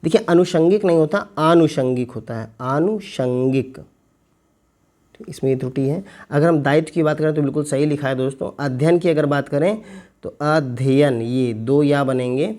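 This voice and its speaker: A male teacher working through an exam paper, repeating words slowly to spell them out and asking his viewers questions. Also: fairly high pitch, a little mellow. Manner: slow, stretched repetition of words to spell them out; addresses viewers as friends, asks them questions. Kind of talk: exam paper walkthrough lesson.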